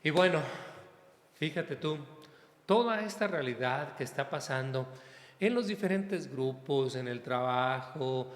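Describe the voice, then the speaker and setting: Mexican priest preaching in echoey hall. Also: male voice, mid-range voice, a little slow. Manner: lively, talks straight to listeners, acts out everyday exchanges. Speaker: parish priest. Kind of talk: conversational sermon reflection.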